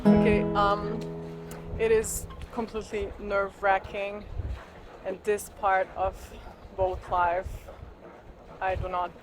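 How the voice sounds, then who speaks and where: A woman's voice: medium pitch, flat delivery, slow pace, pauses often, over music. A woman in her thirties with a continental European accent, chatting casually for a sailing vlog. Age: 30s. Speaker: sailing vlogger. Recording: noisy on-board boat recording.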